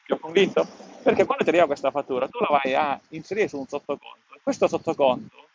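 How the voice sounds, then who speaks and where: A man's voice: a little high, expressive, fast talker, a crowd in the background. A man hosting an explanatory podcast outdoors, speaking slightly muffled through a face mask, in a didactic way that repeats key points. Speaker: podcast host. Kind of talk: explanatory tutorial to camera. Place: outdoors at a scenic spot. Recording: dull, muffled lo-fi sound.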